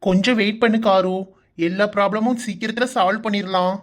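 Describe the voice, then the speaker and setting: A woman with a medium-pitched, steady, natural voice plays an exasperated young man in a cartoon, speaking briskly with a Kanyakumari Tamil accent. He pleads, coaxing and teasingly scolding. Faint music sits behind her.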